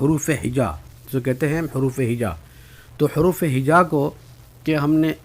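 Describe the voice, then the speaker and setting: A man teaching Arabic pronunciation, patiently saying each letter sound slowly and repeating it for students to copy. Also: medium pitch, darkish tone. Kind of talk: spoken lesson.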